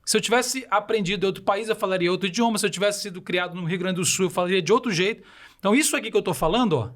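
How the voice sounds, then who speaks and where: Rapid-fire and didactic, a podcast guest with a high, slightly bright voice walks through his ideas, asking rhetorical questions as he goes. He's from Belém do Pará, Brazil, and speaks with a Paraense Brazilian Portuguese accent.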